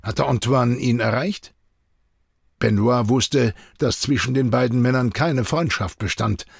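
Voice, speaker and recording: A male audiobook narrator with a gravelly, slightly husky voice and a lively, expressive delivery. The reading sounds close and dry. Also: medium pitch, a little slow, dry recording. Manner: expressive storytelling. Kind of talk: scripted narration.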